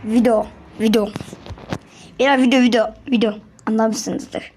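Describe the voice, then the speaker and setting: A woman giving casual gameplay commentary for her channel, excitable and chatty, often repeating words as she talks to other players. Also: a little high, unhurried, slight background noise. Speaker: gaming channel host.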